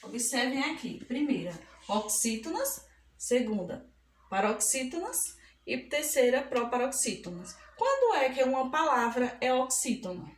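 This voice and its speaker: A woman's voice: high voice, big pitch swings, unhurried, reverberant, a little hiss or hum. A woman teaching a school grammar lesson, affectionate and patient, stretching out example words and checking in often with the class. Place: classroom with a board.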